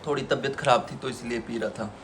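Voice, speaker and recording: A man's voice: medium pitch, fairly even intonation, fast, background noise. A man co-hosting a casual home vlog, stubborn and protesting while laughing things off. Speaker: vlog co-host.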